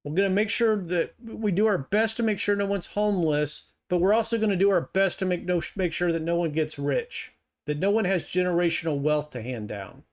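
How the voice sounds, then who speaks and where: A middle-aged man hosts a reaction video with a notably high voice. He fires back at clips in a sarcastic, heated tone, mocking as he argues. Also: fairly quick. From United States. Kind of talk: reaction commentary.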